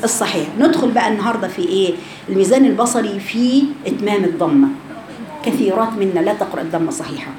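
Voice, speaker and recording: A woman's voice: mid-range voice, animated, racing, darkish tone. A woman with an Egyptian accent teaching Quran recitation. She explains the rounded vowel, sounds it out to show it, and quizzes her students. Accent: Egyptian Arabic. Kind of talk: Egyptian Arabic lesson with spoken sound demonstrations. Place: recorded class session. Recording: echoey room with background noise.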